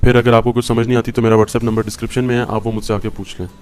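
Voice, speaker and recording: Man calmly explaining a farming how-to. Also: mid-range voice, very fast. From Pakistan. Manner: patient step-by-step explaining. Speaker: farming instructor. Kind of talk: home how-to tutorial. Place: indoors at a work table.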